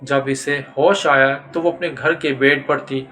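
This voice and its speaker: A man narrating a scripted horror story in a steady, dramatic storytelling manner. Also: mid-range voice.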